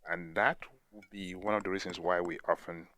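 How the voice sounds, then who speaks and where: A man's voice: low voice, fairly even intonation, fairly quick, a bit bright, slight background noise. A man hosting a podcast, chatting casually in an easygoing way with rambling asides. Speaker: podcast host. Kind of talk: casual chat.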